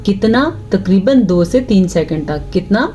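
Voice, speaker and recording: A woman teaching tajweed, explaining each rule patiently and checking her students follow, then reciting verses slowly in a drawn-out chant. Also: mid-range voice, expressive, warm tone, faint music behind. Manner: explains rules patiently, asks "ٹھیک ہے؟" after each point.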